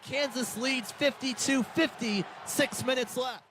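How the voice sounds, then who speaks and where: In a basketball arena during a live game, a man calls radio play-by-play in clipped, vivid bursts. His voice is very high-pitched and his delivery unhurried. The recording is clear, with arena noise and a bouncing ball audible.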